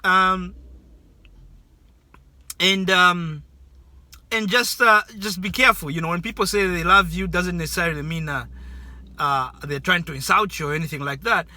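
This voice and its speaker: A man's voice: high voice, normal speed, long pauses, pushed and bright, dry recording. A man from Zambia, giving casual advice in a rambling way and repeating words for emphasis.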